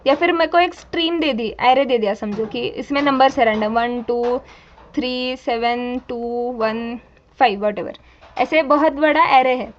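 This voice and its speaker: A woman's voice: high-pitched, muffled recording, a little hiss or hum. A young woman teaching a programming class, explaining step by step in a mix of Hindi and English and asking her students questions. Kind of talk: live coding lesson.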